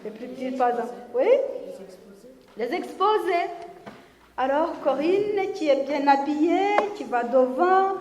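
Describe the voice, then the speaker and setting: A religious sister telling a moral story to children, often stopping to ask them questions. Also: female voice, sits high, animated, a little mellow. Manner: asks the children questions and pauses for answers. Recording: roomy hall with long reverb.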